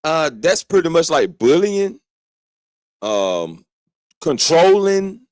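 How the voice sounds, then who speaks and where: A man hosting a stream, giving casual reaction commentary in a relaxed way, talking back to the clip and laughing now and then. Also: a little high, takes it slowly, no room sound, clean studio sound. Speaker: stream host.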